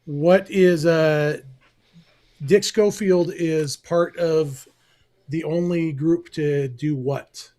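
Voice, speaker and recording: A man's voice: on the high side, fairly even intonation, extremely slow, mellow. A man co-hosting a sports podcast, playful and fond of trivia. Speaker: podcast co-host. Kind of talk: casual chat.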